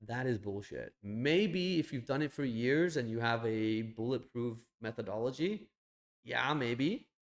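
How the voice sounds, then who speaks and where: A young man talks casually on a live stream, blunt and a little profane. He thinks out loud as he clicks around, with an ordinary mid-range voice. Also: medium pitch, a little slow.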